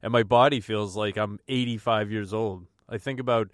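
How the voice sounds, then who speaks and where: A man's voice: on the low side, fairly even intonation, moderate pace, dry recording, studio quality. A man in his mid-forties co-hosting a podcast, chatting casually and bluntly with constant swearing. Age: 40s. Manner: profane, blunt banter. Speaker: podcast co-host. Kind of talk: casual chat.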